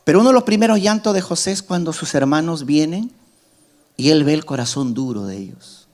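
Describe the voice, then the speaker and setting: Middle-aged male pastor, high voice, emphatic sermon delivery with loud peaks and soft asides. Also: animated, fairly quick. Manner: emphatic preaching, rising to loud climaxes and dropping to soft asides.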